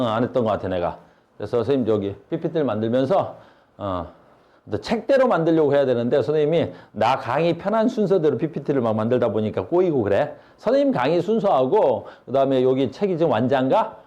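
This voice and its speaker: A man's voice: mid-range voice, mellow, muffled recording. A male science teacher giving a classroom lecture, blunt and slangy, asking his students questions all the time.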